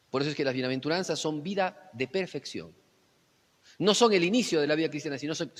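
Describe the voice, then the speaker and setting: A man preaching a sermon, teaching and often asking his listeners rhetorical questions, swinging between loud emphatic lines and quiet low ones. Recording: long hall reverb.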